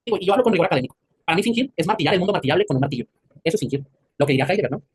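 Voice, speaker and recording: A man's voice: on the high side, lively intonation, rapid-fire, husky, no room sound. A man with a Mexican accent teaching an anatomy class, quizzing his students and joking in crude slang. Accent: Mexican Spanish. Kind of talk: classroom lecture.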